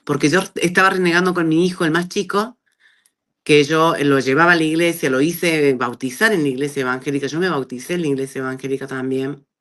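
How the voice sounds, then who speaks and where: A middle-aged woman with an Argentine accent, telling her personal testimony in a conversational way and acting out the dialogue she quotes. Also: a little fast. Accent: Argentine Spanish. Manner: animated storyteller who acts out quoted dialogue with big pitch jumps. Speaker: guest giving a testimony.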